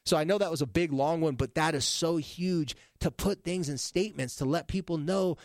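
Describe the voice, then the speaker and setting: A male therapist chatting casually, an animated storyteller who jumps between topics. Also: on the high side, moderate pace, no echo, clean studio sound. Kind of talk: casual podcast chat.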